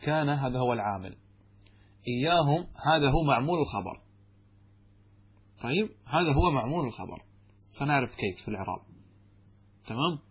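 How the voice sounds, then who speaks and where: Male grammar teacher, husky voice, medium pitch, classroom lecture, recites verses slowly. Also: expressive. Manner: explains step by step, asks students questions and answers them himself; recites verses and quotations in a slow chant. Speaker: sheikh teaching Arabic grammar.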